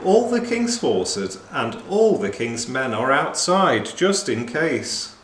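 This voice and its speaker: A man's voice: mid-range voice, big pitch swings, a bit bright, roomy sound, pitched above the performer's own voice. A man voicing a boastful, accident-prone egg-man in a storybook reading. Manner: boastful and slow. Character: boastful, clumsy egg-man Humpty Dumpty.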